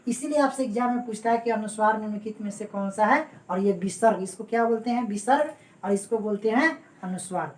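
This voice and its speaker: A woman's voice: medium pitch, fairly quick, recorded from a distance. A woman teaching Hindi grammar for exam prep. She repeats her points and keeps checking that her students follow, addressing them fondly. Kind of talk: exam-prep classroom lecture. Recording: roomy echo, voice away from the mic.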